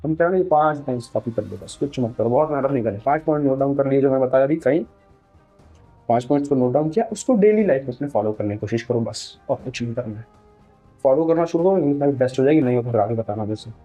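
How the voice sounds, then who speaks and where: A man's voice: medium pitch, fast talker, mellow, soft background music. A man giving a casual spoken tutorial as an English teacher, conversational and repetitive, slipping English phrases into his explanations.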